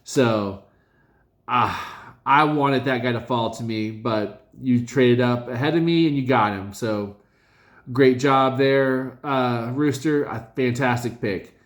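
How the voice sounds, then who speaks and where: A man casually reviewing his fantasy league's draft picks, talking in a halting, rambling way with many fillers and self-corrections. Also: mid-range voice.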